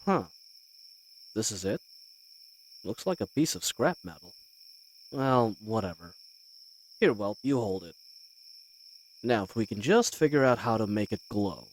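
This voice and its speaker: A man's voice: lowish voice, animated, a little slow, long pauses, a little hiss or hum, poor audio. A man playing a roguish, good-humoured bandit leader in a fantasy audio roleplay, talking in a folksy, teasing and hesitant way. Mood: amused, resigned.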